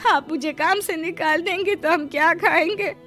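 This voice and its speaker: Lady doing a poor maid begging her boss in a cartoon, high voice, soft music behind. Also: moderate pace. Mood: pleading. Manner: pleading, humble. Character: poor humble maid, young wife, pleading. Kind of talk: Hindi cartoon story dubbing.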